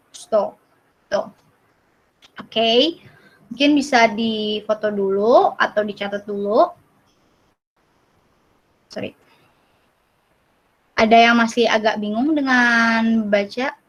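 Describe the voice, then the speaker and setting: Young Indonesian woman as an online language tutor: slightly high voice, slow unhurried pace, casual with lots of fillers, sounds like a computer mic on a call. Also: a bit bright, low-quality recording. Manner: casual, explains with many fillers and apologies; repeats Russian words slowly for learners. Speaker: Russian language teacher. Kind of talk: online class. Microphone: computer mic on a video call.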